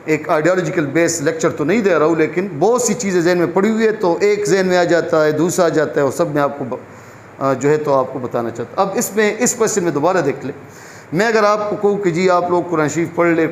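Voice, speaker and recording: اونچی آواز والا مرد، گونجتے کمرے میں لیکچر دیتا ہوا. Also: male voice, a little high, a little hiss or hum. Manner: explains by asking questions and answering them himself. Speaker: biology lecturer. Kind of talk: classroom lecture. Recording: echoey room with faint background ambience.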